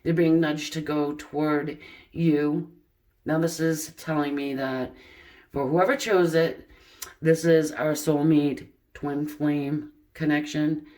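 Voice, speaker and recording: A woman's voice: low voice, fairly even intonation, slow, mellow. A woman giving a pick-a-card tarot reading in a chatty way, with many fillers and laughing at the cards. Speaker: tarot reader.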